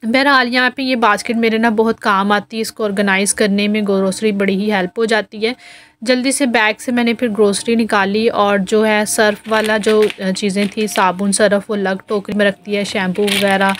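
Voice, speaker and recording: A woman in her thirties with a Pakistani accent, chatting casually through a home vlog voice-over and explaining each step with lots of fillers. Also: mid-range voice. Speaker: home vlogger.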